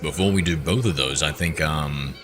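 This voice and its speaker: A man in his thirties, chatting casually on a live game stream. He reads his chat aloud and banters back in a low voice with a forceful, bright edge. Faint music plays behind him. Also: normal speed. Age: 30s.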